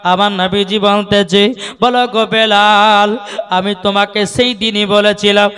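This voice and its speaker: A man's voice: sits high, flat delivery, fairly bright tone, soft background music. A male preacher telling a story in a sung sermon style, drawing out melodic phrases and calling on the crowd to answer. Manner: sings lines in drawn-out melodic phrases, calls crowd to respond.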